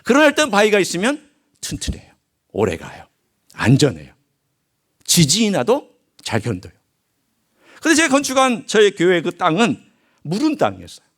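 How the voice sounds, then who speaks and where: A man preaches a sermon in a church, his fairly high voice rising and falling in wide, animated swoops. He drops to a near hush, then pushes up loud for emphasis, and he plays out quoted lines as he goes. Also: moderate pace, long pauses. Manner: animated preaching with sharp swings from loud to hushed; acts out quoted speech and regional dialect phrases. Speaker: pastor. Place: church sanctuary.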